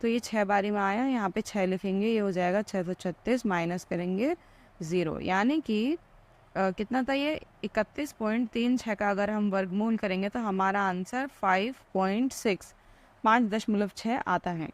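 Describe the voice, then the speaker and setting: A woman's voice: medium pitch, normal speed. A woman teaching maths, asking questions and answering them herself as she explains each step.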